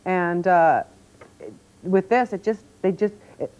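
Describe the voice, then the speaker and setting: A woman's voice: fairly low pitch, takes it slowly, a crowd in the background. A woman presenting a product demonstration on home shopping, explaining insistently and repeating key words for emphasis. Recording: dull lo-fi TV audio.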